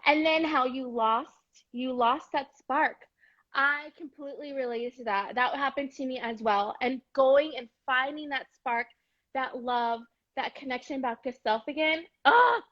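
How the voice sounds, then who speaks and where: A woman's voice: high voice, a little slow, fairly bright tone, lo-fi sound. A woman hosting a casual live-stream chat, effusive and gushing, with lots of fillers. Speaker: host. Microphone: video call.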